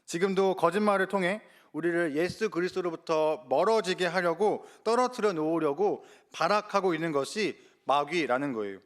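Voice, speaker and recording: A man's voice: sits high, moderate pace, few pauses. A man preaching a sermon in a church, earnestly addressing the congregation with rhetorical questions. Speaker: evangelist preaching.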